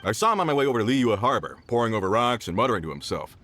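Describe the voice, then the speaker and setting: A man's voice: mid-range voice, big pitch swings, racing, very noisy, close to an everyday voice. A man voicing an older mining foreman, boastful yet respectful and enthusiastic, in a video game. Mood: explaining. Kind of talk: video game dialogue acting.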